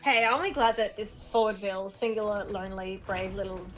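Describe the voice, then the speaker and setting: A woman's voice: mid-range voice, brisk. A woman co-commentating a live strategy game match, upbeat and playful, laughing often. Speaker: esports co-caster.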